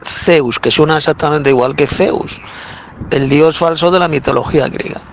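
A man with a somewhat high voice preaches a Bible lesson, pressing his point again and again with many hesitant fillers. A faint hum of background noise sits under his voice. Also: steady tone, normal speed, gravelly. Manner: insistent, repeats points, frequent "eh" fillers. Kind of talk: spoken Bible teaching.

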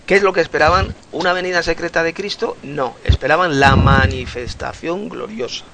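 A man's voice: fairly high pitch, steady tone, normal speed. A man teaching a Bible study in a slightly raised voice. He speaks earnestly, repeats key words for emphasis and hesitates with "eh" fillers. A faint noise sits behind him.

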